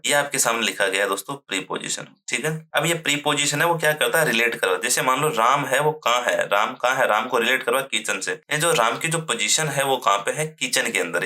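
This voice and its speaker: A man teaching a grammar lesson at a whiteboard, asking questions and answering them himself, with frequent fillers and throat clearing. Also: mid-range voice, pushed and bright. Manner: fills pauses with a repeated "okay" and "friends"; clears his throat now and then.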